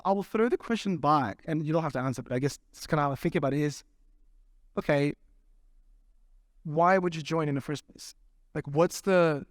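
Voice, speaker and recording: Fielding audience questions at a conference, a man with a fairly high voice keeps it casual and conversational, often tossing "right?" to the room. The studio-quality recording has no echo.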